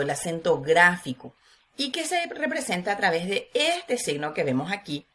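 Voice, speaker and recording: A woman teacher giving a recorded class lesson, explaining slowly and stressing syllables as she repeats key words. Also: on the low side.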